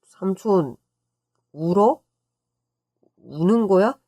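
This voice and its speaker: A woman voicing an eager, cheeky young boy who chirps and teases excitedly. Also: mid-range voice, very slow, full character voice. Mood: teasing.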